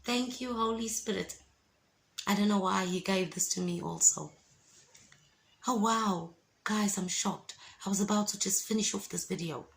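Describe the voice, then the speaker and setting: Gravelly-voiced woman in her fifties. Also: mid-range voice, moderate pace. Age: 50s. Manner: emphatic and encouraging, preachy asides. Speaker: vlogger giving a testimony. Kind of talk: casual faith testimony.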